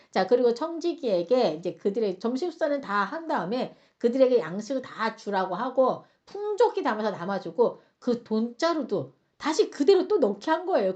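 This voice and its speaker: Animated woman retelling Bible stories. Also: fairly high pitch. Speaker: Bible teacher. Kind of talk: lively Bible storytelling. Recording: dull lo-fi sound.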